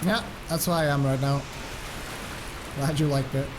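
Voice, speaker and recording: Young Czech speedrunner, casual and easygoing, slightly high voice, faint hiss behind. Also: male voice, moderate pace. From Czech Republic. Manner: relaxed, laughs often, chats with viewers. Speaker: speedrun streamer. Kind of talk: casual stream chat.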